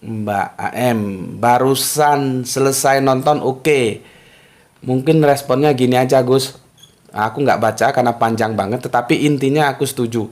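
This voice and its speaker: A man hosting a casual religious study talk, answering viewer comments in a lively, conversational way. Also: medium pitch, reverberant.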